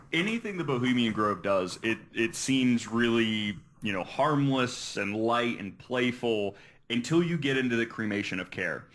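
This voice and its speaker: A podcast host earnestly explains material he has researched, reading from notes and sometimes tripping over his words. His medium-pitched voice is bright and forceful, with slight background noise.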